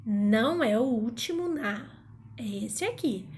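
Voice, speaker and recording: A woman teaching a grammar lesson in a playful manner, sometimes calling out words loudly to find the stressed syllable. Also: a little high, lively intonation, takes it slowly, a little hiss or hum.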